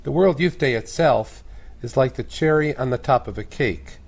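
A man with a hoarse, raspy voice worn out from shouting, explaining things as a priest in a measured way on a discussion panel. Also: medium pitch. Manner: measured, uses analogies and lists. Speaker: priest, guest commentator.

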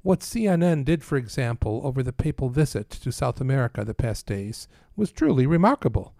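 A mid-pitched man from Canada, a priest talking as an interview guest. He speaks earnestly and steadily, praising people warmly and slipping in dry quips. His voice sounds close and dry. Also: animated, fairly quick, gravelly, dry recording. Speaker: priest and Vatican press aide.

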